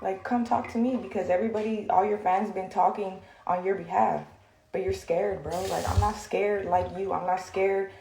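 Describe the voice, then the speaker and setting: A woman's voice: mid-range voice, steady tone, normal speed, vocal fry, mellow, slight background noise. A young woman in a heated, blunt rant to the camera, swearing and filling with "like". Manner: heated, blunt, swears often, many fillers. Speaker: social media personality. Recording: echoey room.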